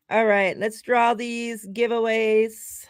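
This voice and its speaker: A woman hosts a casual sports podcast livestream over a remote call, laughing often and drawing out her words as she runs giveaways. Her voice is on the high side with a clean tone, and the audio is studio quality with no room sound.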